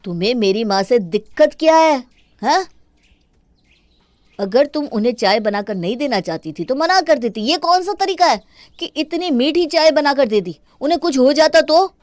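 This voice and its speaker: A woman voicing a young husband and son who scolds his wife and protects his mother, in an animated story. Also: high voice, normal speed, no echo. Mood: angry.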